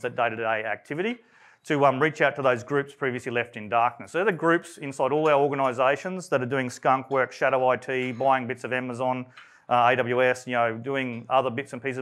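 Fast-talking Australian man presenting. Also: mid-range voice. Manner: rapid, conversational, with many fillers and restarts; self-described monotone. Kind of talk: technical presentation. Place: event room.

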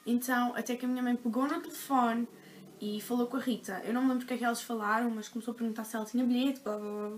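A young woman in her teens with a European Portuguese accent, telling a story to her vlog audience in a chatty, dramatic way, full of fillers. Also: a little high. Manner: chatty, dramatic retelling with frequent "tipo" fillers. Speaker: vlogger. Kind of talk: casual storytelling to camera.

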